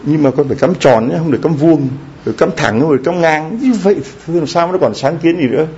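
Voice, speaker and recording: A man's voice: a little high, fast, a little mellow. Priest guy preaching, chatty, keeps asking the crowd questions, kinda dull lo-fi sound. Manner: conversational preaching with frequent rhetorical questions to the congregation. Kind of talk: sermon. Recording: slightly dull lo-fi recording with faint background noise.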